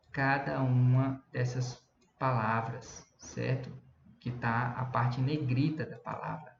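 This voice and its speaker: This Brazilian man's voice is mid-range and gravelly as he chats through an English lesson, mixing English words into his Portuguese explanations. It comes from a recorded online class, captured lo-fi with a roomy sound and faint hum.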